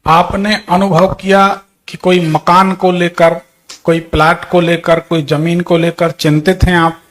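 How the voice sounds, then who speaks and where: High-voiced authoritative male astrologer. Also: flat delivery, measured pace. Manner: authoritative, questioning, predicts past events. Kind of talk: astrology consultation.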